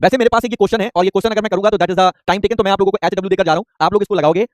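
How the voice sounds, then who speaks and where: A young man teaching an online chemistry class, rapidly repeating points and firing quick questions at students. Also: high voice, fairly even intonation, dry recording, studio quality.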